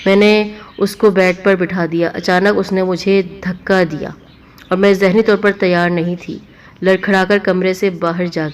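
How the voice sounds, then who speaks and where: A woman narrating an emotional story. She reads slowly and earnestly, as a storyteller would. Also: mid-range voice, darkish tone.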